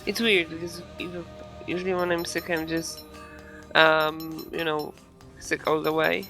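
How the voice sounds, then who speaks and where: Stuffy-nosed man with a creaky voice. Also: fairly high pitch, flat delivery, pushed and bright, faint music behind. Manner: halting, repeats himself. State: stuffy nose, morning voice. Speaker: game server player. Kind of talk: casual voice chat.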